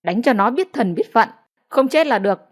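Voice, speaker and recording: A woman's voice: fairly high pitch, expressive, normal speed. A woman voicing a cruel haughty young wife. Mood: commanding. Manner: sharp, scornful and commanding.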